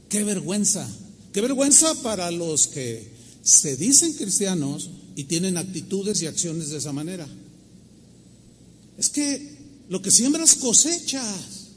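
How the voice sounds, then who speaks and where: Hombre con acento mexicano, voz alta y aguda, predicando con anécdotas y preguntas retóricas; sala con eco y ligero ruido ambiente. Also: male voice, high-pitched, long reverb tail, a little hiss or hum. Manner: storytelling, exhorting, rhetorical questions. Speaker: preacher. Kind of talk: sermon with personal stories.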